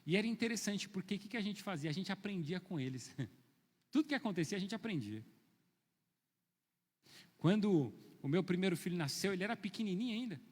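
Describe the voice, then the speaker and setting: A middle-aged male pastor preaching a sermon, telling stories and swinging from soft asides to loud, emphatic calls. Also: sits high, in a large hall.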